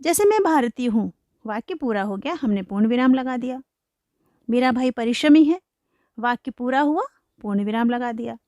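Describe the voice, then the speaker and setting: High-voiced woman teaching grammar. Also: expressive, darkish tone, dry recording, clean studio sound. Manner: slow, explanatory, reads example sentences aloud. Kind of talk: classroom-style lesson for children.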